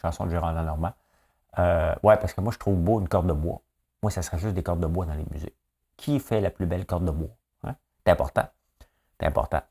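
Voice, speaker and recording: A man's voice: deep voice, brisk, creaky, a little mellow, husky. A man with a Québécois accent hosting a casual news commentary, blunt and opinionated with a joking edge. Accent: Québécois French. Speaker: host of a daily news chat.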